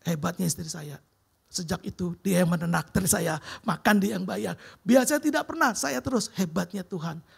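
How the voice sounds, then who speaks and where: A man preaches his testimony in an animated, storytelling way. His voice is gravelly and husky. He throws slangy asides at the listeners between sermon lines. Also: high-pitched, normal speed.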